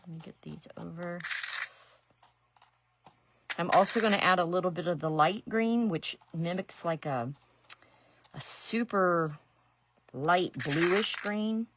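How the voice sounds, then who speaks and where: Working on a craft on a live stream, this resin artist and painting teacher from Ohio talks in a chatty, rambling way, with self-deprecating comments along the way. She's middle-aged with an Ohio accent and a lowish voice, speaking slowly and pausing often over background noise.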